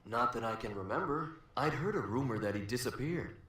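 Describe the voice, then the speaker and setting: A man's voice: medium pitch, expressive, a little fast, a bit bright, very echoey, close to an everyday voice. A man playing a laid-back, level-headed American small-town bartender in an adventure game. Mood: easygoing.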